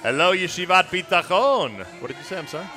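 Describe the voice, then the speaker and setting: A man's voice: sits high, big pitch swings, fast talker. A man hosting live parade commentary outdoors, mixing announcements with casual banter. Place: outdoors on a city street at a parade. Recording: loud music behind, live outdoor broadcast. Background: loud music.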